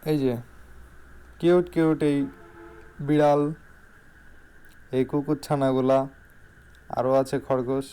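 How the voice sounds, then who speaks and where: In this informal voice-over showcase, a Bangladeshi-accented shop salesman repeats key phrases to stress them. His mid-range voice is steady, dark, clear and resonant, and he speaks slowly with frequent pauses.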